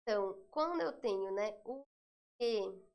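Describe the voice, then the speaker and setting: A woman's voice: mid-range voice, animated, a little slow, a little mellow. A Brazilian woman teaching a Portuguese exam review, explaining patiently and checking in often with her students.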